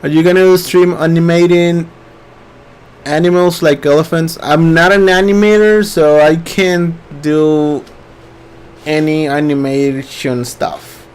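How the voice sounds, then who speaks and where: A man's voice: on the high side, steady tone, takes it slowly, darkish tone, smooth. A man hosting a casual live webinar, reading viewer questions aloud and answering them loosely with many fillers. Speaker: webinar host.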